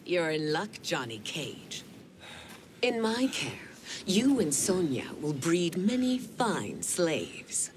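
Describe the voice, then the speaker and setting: An actress playing a cruel, haughty evil empress in a video game, with an imperious, taunting way of talking. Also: female voice, fairly low pitch, huge pitch swings, slow, noisy background, exaggerated voice. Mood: mocking, gloating. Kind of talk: dramatic video game acting. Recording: loud music behind the voice.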